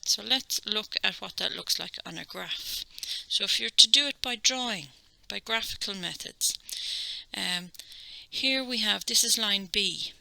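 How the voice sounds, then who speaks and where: Irish woman teaching maths, crisp dry voice. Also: medium pitch, unhurried, sharp tone, no room sound, rough recording. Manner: patient, explains each step; checks in with "okay?". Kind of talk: step-by-step maths lesson.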